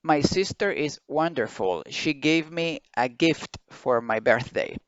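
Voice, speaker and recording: A man teaching English pronunciation online, slowly drilling words syllable by syllable and explaining them. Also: a little high, clean tone, no echo. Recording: dry, dull lo-fi sound.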